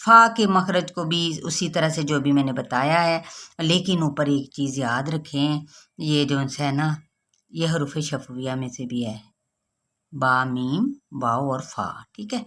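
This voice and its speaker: A woman with a slightly low voice teaches recitation rules in a patient, explanatory way. She keeps checking in with her listeners and sounds out example words slowly and carefully. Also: fairly bright tone. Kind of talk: tajweed lesson.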